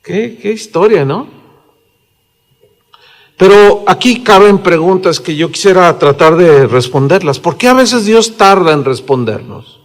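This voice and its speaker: A man in his sixties with a Mexican accent, preaching a sermon in a relaxed, conversational way, with fillers and tag questions. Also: high-pitched, measured pace. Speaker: pastor. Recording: reverberant hall.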